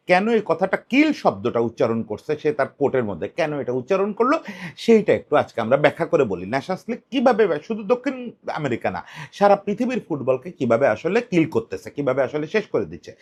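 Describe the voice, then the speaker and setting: Male football commentator, solo talk, high voice, very expressive, argumentative. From Bengal. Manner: animated, rhetorical questions, shifts pitch for emphasis.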